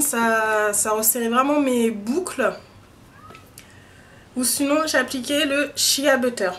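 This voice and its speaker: A woman's voice: a little high, slight background noise. A young woman talking casually to camera about her hair routine, chatty and full of hesitations and filler sounds. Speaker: beauty vlogger. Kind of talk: casual hair-care vlog.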